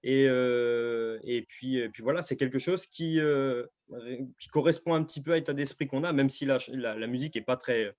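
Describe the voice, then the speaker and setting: A man's voice: mid-range voice, normal speed, a little mellow. A man who coaches American football, talking casually on a video call with many fillers and restarts. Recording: muffled video-call audio.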